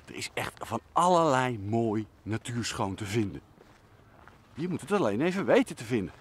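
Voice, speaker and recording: A man's voice: mid-range voice, very animated, moderate pace, breathy edge. A man presenting as a nature expert outdoors in hilly woodland, explaining plants and birds to the viewer with enthusiasm.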